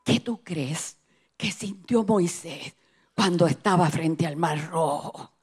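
A woman doing the hushed low voice of God. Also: slow pace, breathy edge. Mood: solemn gentle. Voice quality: hushed, half-whispered. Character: voice of God, calm, low and tender.

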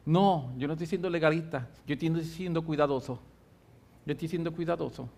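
A middle-aged man, preaching a sermon as pastor, fervent and emphatic, with slow stressed words and shifts from loud to soft. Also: fairly high pitch, creaky.

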